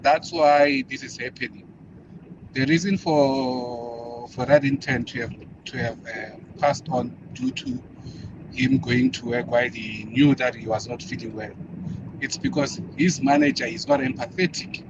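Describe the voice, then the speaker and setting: A man's voice: mid-range voice, unhurried. Man in a lo-fi voice message. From South Africa. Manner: hesitant, with many uh fillers and restarts. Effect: recorded voice message. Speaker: listener sending a voice note. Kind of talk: casual opinion. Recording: lo-fi voice note with background noise.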